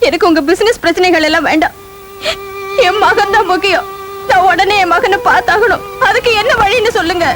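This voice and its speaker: A woman's voice: extremely high pitch, fairly quick, music in the background. An actress playing a worried wealthy mother who pleads to find her missing son, in a Tamil film scene. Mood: pleading. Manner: anxious, pleading.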